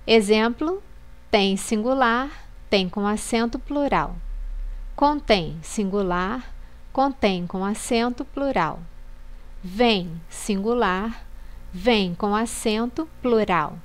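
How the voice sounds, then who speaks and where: A woman reading a scripted Portuguese lesson on accent marks in a slow, measured, list-like way. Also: fairly high pitch. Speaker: Portuguese teacher.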